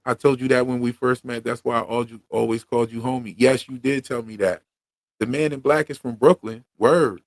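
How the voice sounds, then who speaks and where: Here the Philly-accented podcast host from Pennsylvania speaks at medium pitch in a steady, brisk tone with no echo. His casual livestream chat is relaxed and slangy, packed with fillers.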